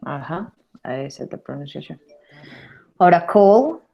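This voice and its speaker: Woman teaching English, slow and deliberate. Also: low-pitched, big pitch swings, creaky, lo-fi sound. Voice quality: repeats words slowly to model pronunciation. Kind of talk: online English lesson.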